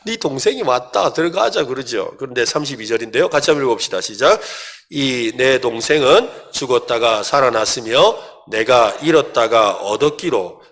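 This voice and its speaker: A middle-aged male pastor preaching a sermon, asking the congregation questions and building to loud, emphatic passages. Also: mid-range voice.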